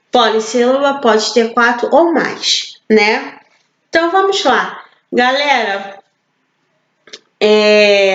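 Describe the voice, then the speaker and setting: A Brazilian woman teaching an online class for children, patient and slow, asking questions and answering them herself. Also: high-pitched, a bit bright, roomy sound, low-quality recording. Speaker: primary school teacher.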